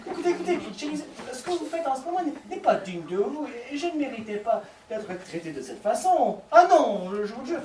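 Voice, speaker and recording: A man's voice: very high voice, very animated, fairly quick, hardly any pauses, a little mellow, slight background noise. A male stage actor playing a lovesick man who pleads with his lover over the phone, talking theatrically and stammering in a live comedy performance. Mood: pleading. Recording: echoey stage recording from far off.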